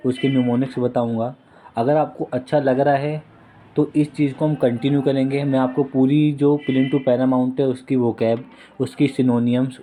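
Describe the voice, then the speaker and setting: Guy teaching vocab tricks, mellow voice, keeps repeating words. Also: mid-range voice, slight background noise. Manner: repetitive, drills each word several times; mixes Hindi with English words. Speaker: vocabulary tutor. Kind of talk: casual exam-prep vocabulary lesson.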